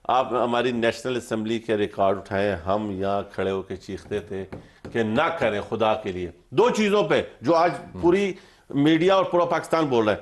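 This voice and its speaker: A man's voice: medium pitch, animated. A man, a parliamentarian guest on a political debate show, arguing heatedly and repeating his points. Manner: heated, repetitive, pleading.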